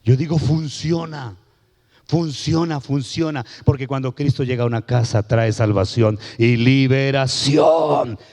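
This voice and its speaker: A middle-aged man preaching a sermon as guest pastor, telling stories with shouted peaks and hushed drops. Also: medium pitch, moderate pace, hardly any pauses. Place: church sanctuary. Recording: long hall reverb of a church.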